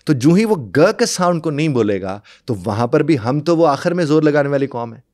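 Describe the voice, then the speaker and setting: A man's voice: on the high side, lively intonation, normal speed, darkish tone, no echo, studio quality. A man giving an interview as a guest expert, explaining earnestly and repeating example words. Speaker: English language guest expert.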